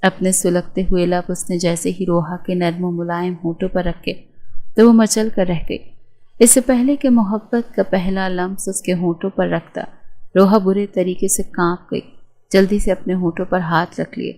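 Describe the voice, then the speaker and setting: Woman narrator, audiobook reading, mellow warm tone, measured delivery. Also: fairly low pitch, fairly even intonation. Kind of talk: read-aloud romance novel narration.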